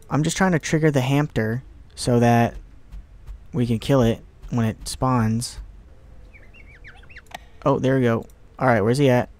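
A young man provides casual let's play commentary on a horror game, getting excitable, muttering to himself and swearing. His voice is medium-pitched, and the recording has no room sound.

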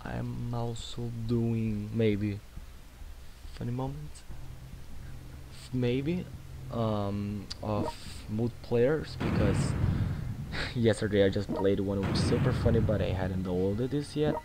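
Heavy background noise from game music and battle sounds surrounds a young man running a gaming channel. Speaking slowly in a lowish register with a Brazilian Portuguese accent, he rambles about his own strategy game, stumbling through fillers and restarts.

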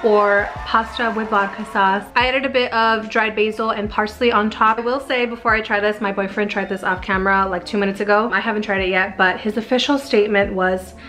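Bright-voiced young woman cooking vlogger. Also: mid-range voice, fairly even intonation, a little fast, few pauses, rough recording. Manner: chatty, giggly, laid-back. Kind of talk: casual cooking vlog. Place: home kitchen. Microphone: camera set in the microwave.

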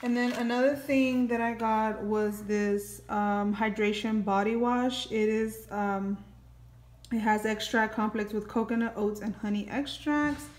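A woman's voice: a little high, fairly even intonation, unhurried, roomy sound. A woman in her thirties chatting casually through a haul video at home, with lots of ums and likes. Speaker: family vlogger. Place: home kitchen, indoors.

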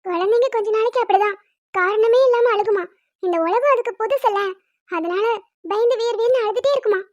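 A woman's voice: very high-pitched, no room sound, lo-fi sound. A woman voicing a young cartoon wife who orders her husband around but cares for the family. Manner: scolding, quick commands. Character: bossy young wife, sharp-tongued and caring. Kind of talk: Tamil cartoon dubbing.

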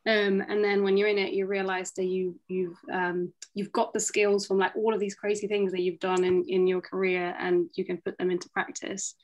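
A woman speaking as a panelist over a video call, thoughtful and hesitant, with many pauses and restarts. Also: mid-range voice, level tone, low-quality recording. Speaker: panelist, product director. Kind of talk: panel answer, casual. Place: home room, indoors.

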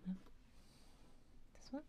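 Woman, soft voice, whispered ASMR murmur, mellow and very unhurried, clear background noise. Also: dull audio. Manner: unhurried, murmuring to herself in short fragments. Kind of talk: soft-spoken ASMR, whispered commentary on a jigsaw puzzle.

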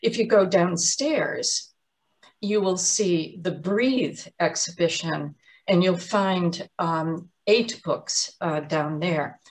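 A woman giving an explanatory museum talk on artist's books, measured and often pausing with um and uh. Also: lowish voice. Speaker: art lecturer.

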